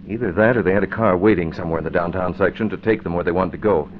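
An actor playing a serious, decisive crime-fighting newspaper man in an old radio drama, explaining firmly and deliberately. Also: deep voice, lightly acted. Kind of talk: mid-century radio drama acting. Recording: dull, faintly noisy old radio recording.

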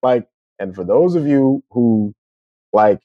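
A man co-hosting a podcast in casual chat, talking in a relaxed, thoughtful way. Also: medium pitch, slow pace, dry recording, phone-quality sound. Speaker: podcast co-host.

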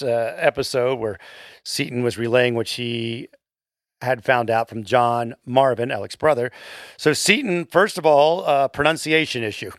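A man's voice: medium pitch, no echo, clean studio sound. A man hosting a casual podcast and reading listener comments aloud. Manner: reads listener comments aloud, defensive but even. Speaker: podcast host.

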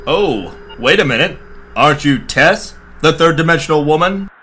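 Someone doing a cocky old-timey tough-guy detective, gruff, music under it. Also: mid-range voice, animated, normal speed, bright, forceful tone. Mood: wisecracking. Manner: gruff wisecracking 1940s tough-guy delivery. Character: cocky hardboiled male space detective. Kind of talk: parody radio-play acting.

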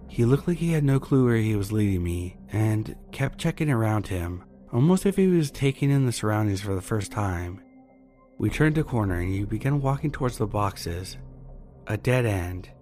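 Low-voiced man narrating horror stories. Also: very animated, moderate pace, mellow. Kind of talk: reading submitted true scary stories. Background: faint background music.

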